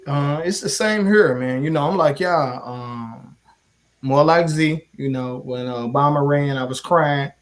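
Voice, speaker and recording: St guy, organizer, cussing and animated, kinda higher voice. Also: measured pace. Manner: animated, swearing storyteller. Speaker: community organizer. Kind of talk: casual chat.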